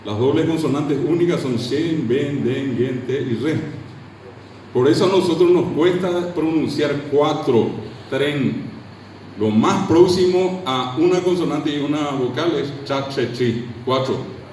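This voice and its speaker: A man's voice: on the high side, unhurried, a little mellow, slight background noise. A man from Paraguay with a Paraguayan Spanish accent, giving a classroom lecture on language, asking the class questions and drilling sounds aloud. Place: lecture room. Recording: echoey hall from far off.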